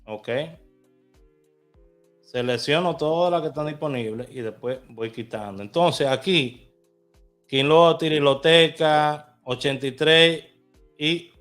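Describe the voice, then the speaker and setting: A male vlogger with a mid-range voice chats casually to viewers from inside a car, walking them through placing lottery bets on his phone. He speaks at a moderate pace, with faint music in the background.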